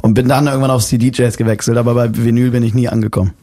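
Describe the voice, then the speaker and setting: A man. He is a DJ and producer, a guest in a radio interview, and he talks in a relaxed way with plenty of fillers. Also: mid-range voice, racing. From Hamburg, Germany. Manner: relaxed, talkative, many fillers.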